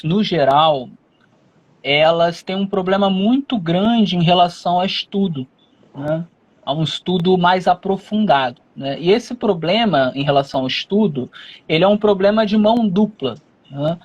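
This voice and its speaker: A man from Rio de Janeiro state with a Rio Brazilian accent, answering as an interview guest in a measured, explanatory way with frequent fillers. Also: sits high, dull audio. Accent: Rio de Janeiro Brazilian Portuguese.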